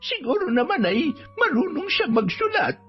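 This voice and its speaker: A fretful, soft-hearted old granny who sells herbs, voiced high and wavering by a man putting her on. She mutters her worries aloud in a storybook horror tale. The recording is dull and lo-fi, with music playing underneath. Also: very animated, moderate pace. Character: kindly old woman herb seller.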